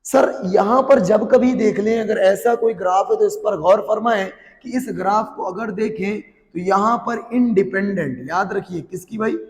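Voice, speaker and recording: A man's voice: sits high, moderate pace, hardly any pauses, roomy sound, long reverb tail. A man teaching a physics class, answering his own playful questions in a call-and-response way. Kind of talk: classroom lecture.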